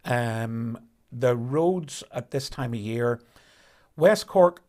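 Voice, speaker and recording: A man with a medium-pitched, darkish voice commentates a rally live stream. He describes the conditions in a measured manner, using fillers and restarting at times.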